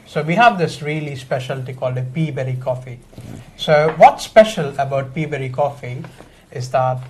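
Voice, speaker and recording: A man's voice: a little high, a little mellow, slight background noise. A man, a coffee roaster guest, explaining coffee pairings in casual chat, rambling with many fillers. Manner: rambling, many "so it's like" fillers, quick bursts.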